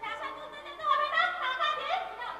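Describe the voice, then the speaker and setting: A woman's voice: very high voice, fairly even intonation, brisk. A woman acting a family member in an amateur village stage melodrama, declaiming in a hammy theatrical manner. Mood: exasperated, sarcastic. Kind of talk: amateur Bengali jatra stage play. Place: stage performance, distant microphone. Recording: echoey stage, far mic, music and crowd.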